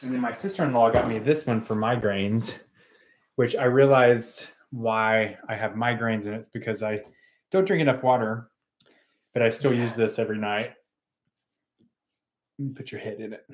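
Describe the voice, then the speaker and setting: Relaxed rambling man in his thirties. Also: medium pitch, moderate pace, pauses often, slight background noise. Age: 30s. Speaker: co-host. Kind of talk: casual livestream chat. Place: home kitchen, indoors.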